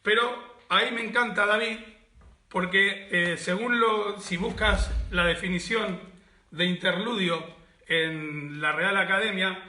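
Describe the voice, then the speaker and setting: A man delivers a calm, reflective sermon. He repeats key words and poses rhetorical questions. His voice is high and very bright, and it rings around an echoey room. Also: takes it slowly. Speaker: pastor.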